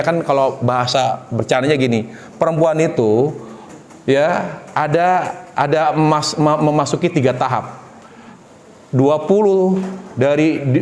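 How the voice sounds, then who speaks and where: A male preacher giving a humorous sermon to a congregation, acting out quoted lines with big jumps in voice. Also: roomy sound. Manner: animated, jumps high in pitch and acts out wife and husband in quoted lines.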